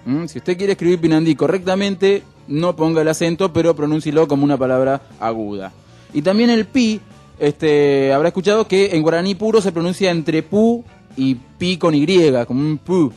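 A man with an Argentine accent hosting a radio show, explaining things in a wry, relaxed way with lots of fillers. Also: a little high, normal speed, faint music behind. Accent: Argentine Spanish. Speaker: radio host. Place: radio studio.

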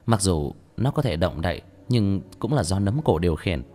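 A man voicing a calm young woman sorceress in an audiobook, speaking softly. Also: deep voice, moderate pace, soft background music. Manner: soft, calm. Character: calm older-sister female sorceress.

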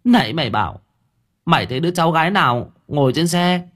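A man voicing a shrill, scolding landlady. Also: expressive, quick pace, a bit bright. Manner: scolding, blunt and crude. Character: brash middle-aged landlady, sharp-tongued.

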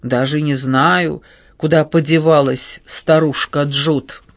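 A man's voice: fairly high pitch, steady tone, takes it slowly, no room sound. A man reading a sullen hungover teenage boy. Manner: mumbling, apologetic. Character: sullen sixteen-year-old boy, hungover and shy.

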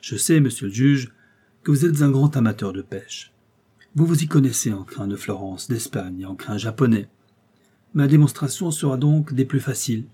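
Man voicing a detective, shrewd, earnest, lecturing tone, mellow husky voice, audiobook. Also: mid-range voice, lively intonation, normal speed. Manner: explanatory, emphatic, slightly theatrical. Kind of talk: audiobook character reading.

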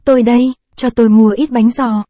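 A woman's voice: a little high, steady tone, brisk, mellow, no echo, close to an everyday voice. A woman reading the lines of a swaggering, lecherous male soldier in a storybook tale, brash and flirting.

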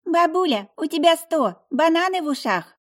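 A woman's voice: very high voice, lively intonation, normal speed, voice pushed up. A woman voicing a cheeky little girl who lisps, heard a little off the mic. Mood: indignant. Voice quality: childish lisp.

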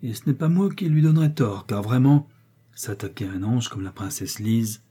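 Man voicing wry musing doctor, dry aside, warm husky reading voice. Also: medium pitch, animated, normal speed. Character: wry male country doctor.

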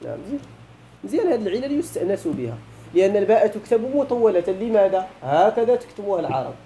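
Man with moroccan accent teaching fast, dark mellow tone, keeps asking students to explain. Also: high-pitched, very animated, a little hiss or hum, poor audio. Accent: Moroccan Arabic. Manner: questioning students, switching to colloquial. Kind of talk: classroom grammar lesson.

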